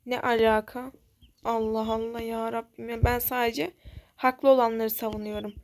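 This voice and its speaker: A woman's voice: on the high side, level tone, moderate pace, darkish tone, natural voice. A woman voicing a schoolboy who sticks up for others in a toy-game role-play story, speaking sarcastically. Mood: sarcastic.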